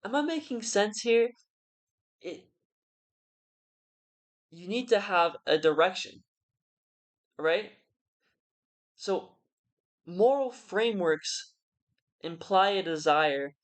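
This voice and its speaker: Someone drunk, rambling casually through an argument in halting phrases that trail off. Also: medium pitch, animated. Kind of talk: casual rambling philosophical monologue.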